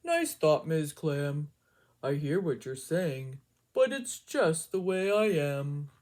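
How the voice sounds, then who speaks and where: A gloomy, sulky fish voiced by a woman reading a storybook drags out his dreary refrain at a slow, heavy pace. His pitch swoops up and down through every line. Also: very animated, a little mellow, heavily acted. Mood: glum. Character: glum gloomy male fish, pouty.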